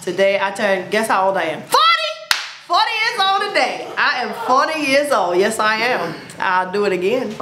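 A woman in her forties vlogs at home, chatting to a camera in front of her against a plain indoor wall. Her medium-pitched voice is very animated and normal in speed, and she's upbeat, playful and full of exclamations. The room echoes and the background is noisy.

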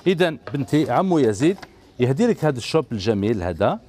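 A gentle, encouraging man with an Algerian Arabic accent hosts a children's TV show on an indoor studio set, handheld mic in hand, coaxing the kids on stage. His medium-pitched voice moves quickly and rises and falls lively as he repeats praise over and over. A faint hiss runs beneath it.

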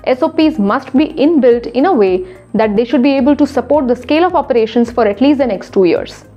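This retail consultant, a young woman, delivers a scripted studio explainer straight to camera with brisk, emphatic instruction and hand gestures. Her voice is a little high with a dark tone. The sound is lo-fi, with faint music in the background.

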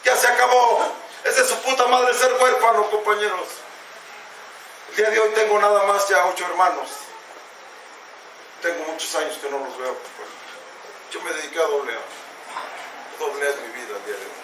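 A man's voice: high voice, moderate pace, long pauses, sharp tone, far from the mic, a little hiss or hum. A man with a Mexican Spanish accent giving a raw, impassioned personal testimony at a recovery meeting, swearing heavily and calling his listeners companions. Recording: echoey hall recorded from afar.

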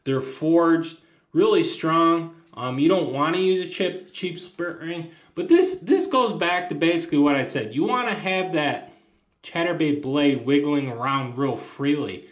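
A man's voice: on the high side, lively intonation, measured pace. A man casually showing fishing lures at a table, rambling with lots of ums and restarts. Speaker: fishing channel host. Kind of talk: casual tabletop lure demo. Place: indoors at a tabletop, hands on camera. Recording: echoey room.

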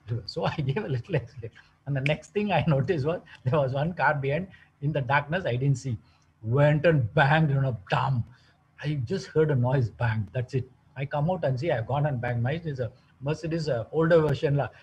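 A man's voice: a little high, fairly quick, slightly rough. A man giving a motivational health talk, telling stories and asking lots of rhetorical questions. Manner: lively storytelling with frequent rhetorical questions. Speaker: wellness talk presenter. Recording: dull lo-fi sound.

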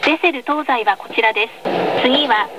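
This is a scripted recorded announcement played aboard a tram, captured in a noisy field recording of the speaker with the tram running behind it. The woman reading it has a high-pitched voice and a moderate pace, delivering each line politely and with careful enunciation.

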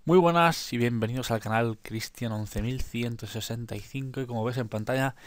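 A man's voice: medium pitch, moderate pace, no echo. A man commenting on a mobile game, cursing when he fails and urging himself on to keep playing. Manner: swears in frustration, urges himself on. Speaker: gameplay commentator. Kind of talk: casual gameplay commentary.

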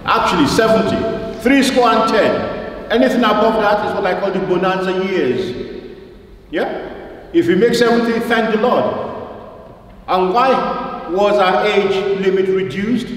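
At a church service, a preacher delivers a sermon in an emphatic, deliberate manner, quoting scripture, repeating phrases for weight and putting rhetorical questions to his listeners. His voice sits high. The large church is very echoey, and the distant mic picks up faint noise.

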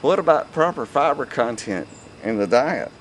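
A man's voice: mid-range voice, animated, moderate pace, slight background noise, pitched above the performer's own voice, lightly acted. A man voicing a cheeky young cowboy son who makes wisecracks, reading a comic script.

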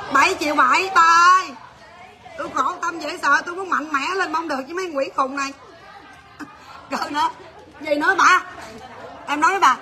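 High-voiced shop owner. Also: female voice. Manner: rapid, blunt teasing banter with staff, laughing often. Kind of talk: livestream sales chat.

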